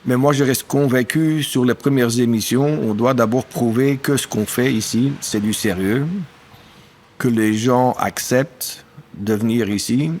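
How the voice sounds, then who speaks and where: In a conversational podcast interview, a sixty-something dairy farmer from Belgium's German-speaking east gropes for words in French, his second language, with a German accent. His voice is mid-range, steady and a little mellow.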